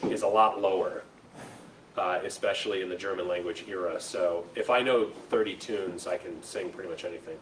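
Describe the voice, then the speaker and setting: A low-pitched American man presents an informal educational talk to an audience in a school room. Conversational in manner, he checks in with his listeners through "right?" and "okay?" as a lecturer would. The sound is echoey and roomy, picked up by a distant mic with faint noise.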